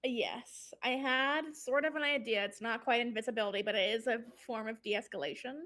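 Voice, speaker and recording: A woman's voice: a little high, normal speed, fairly bright tone. A woman player in a tabletop game, chatting casually as she explains her moves.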